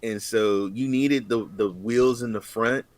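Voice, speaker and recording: Excitable nostalgic man, dry sound. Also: on the low side, unhurried, no room sound. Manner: excited, nostalgic storytelling with exclamations. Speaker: co-host. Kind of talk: casual chat.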